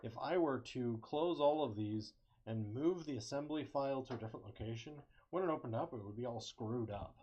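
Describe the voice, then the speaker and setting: Talking fairly quickly in a dark-toned, medium-pitched voice, a young man studying engineering goes over a CAD design on screen. It's casual thinking aloud, with self-corrections and small jokes along the way. The recording comes from a lo-fi mic that sounds slightly muffled.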